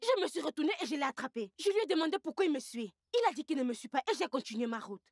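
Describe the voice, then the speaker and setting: A hot-tempered young village woman scolds and repeats herself in a high, wildly swinging voice. The dubbed film dialogue is dry and close. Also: animated, very fast, darkish tone, dry recording. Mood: indignant. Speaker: dub actress.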